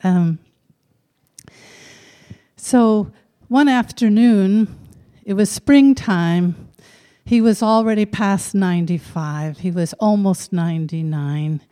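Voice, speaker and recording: Before a live audience, a middle-aged woman shares a personal story in a frank, conversational way with occasional fillers. Her medium-pitched voice is mellow and smooth, and she takes her time, speaking slowly and leaving space between thoughts.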